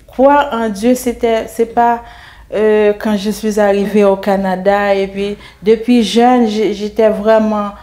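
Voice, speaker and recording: Slow, flat-voiced middle-aged woman. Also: mid-range voice. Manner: hesitant, restarts and repeats words. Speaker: interview guest giving a testimony. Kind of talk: faith testimony in conversation.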